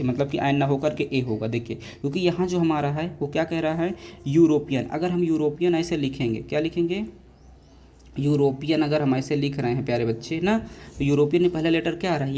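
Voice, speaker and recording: Mellow-voiced teacher, rhetorical questions. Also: male voice, on the high side, fairly quick, slight background noise. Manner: repetitive rhetorical questions to students. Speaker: English teacher. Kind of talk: board exam grammar lesson.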